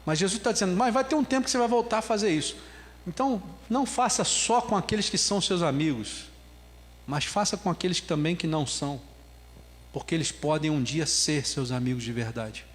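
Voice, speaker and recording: High-voiced man preaching in a reverberant hall. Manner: storytelling with laughter, animated; ends with a slow spoken prayer. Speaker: pastor. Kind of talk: sermon.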